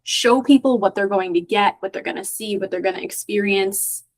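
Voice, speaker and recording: A woman's voice: medium pitch, moderate pace. Encouraging woman co-host giving advice. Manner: encouraging, advising. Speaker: co-host coach. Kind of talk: casual advice.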